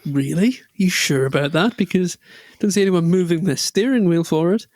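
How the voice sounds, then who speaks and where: A man with a high voice co-hosts a loose podcast chat. He rambles jokily from tangent to tangent and restarts his sentences often. The sound is dry and close. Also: moderate pace, a little mellow, dry recording. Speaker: podcast co-host. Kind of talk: casual chat.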